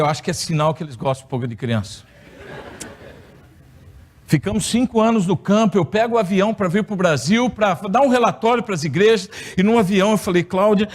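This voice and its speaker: High-voiced Brazilian pastor telling a story. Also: male voice. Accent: Brazilian Portuguese. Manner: storytelling with playful humor. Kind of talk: sermon testimony. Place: church hall.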